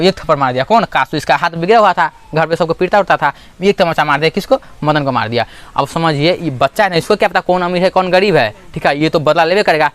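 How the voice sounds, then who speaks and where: A man's voice: fairly high pitch, fairly bright tone, smooth. A man explaining a school literature chapter as a teacher, asking and answering his own questions over and over.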